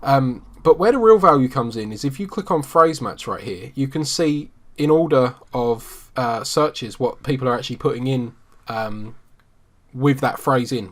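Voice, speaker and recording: Man in a mid register, easygoing screen-share walkthrough with plenty of ums. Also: mid-range voice. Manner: relaxed, conversational, frequent ums. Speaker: SEO marketing instructor.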